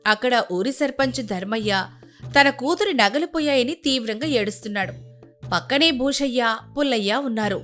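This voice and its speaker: Brief: woman narrator, high bright voice, steady storytelling over soft music. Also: moderate pace.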